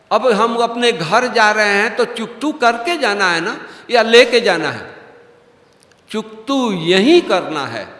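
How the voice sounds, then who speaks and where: Emphatic high-voiced male spiritual teacher. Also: fairly bright tone. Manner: emphatic preaching with rhetorical questions. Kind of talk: devotional class talk. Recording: echoey hall.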